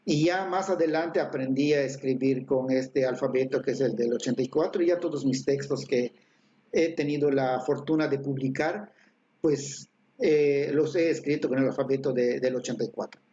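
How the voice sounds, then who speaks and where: A man's voice: medium pitch, moderate pace, mellow, highs cut off, slight background noise. A man teaching an online language lesson, explaining patiently with many fillers and tag questions.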